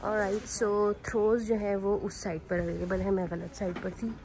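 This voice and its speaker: A woman's voice: medium pitch, steady tone, normal speed, darkish tone, slight background noise, rough recording. A young woman chatting casually in a vlog, mixing Hindi and English, filmed on a handheld phone inside a large store. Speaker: vlogger. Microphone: phone held at arm's length.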